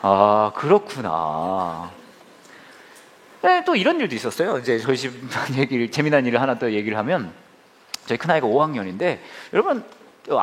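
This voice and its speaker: A man in his forties preaching a sermon, telling humorous family stories and speaking directly to the congregation. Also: mid-range voice. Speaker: pastor.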